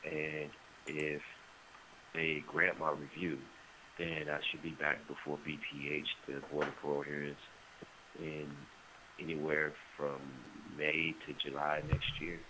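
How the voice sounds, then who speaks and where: Deep-voiced guy on a noisy prison phone, halting and thoughtful. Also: completely flat delivery. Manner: halting, reflective, full of restarts and "you know". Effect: on a prison phone line. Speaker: incarcerated caller. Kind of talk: casual phone conversation.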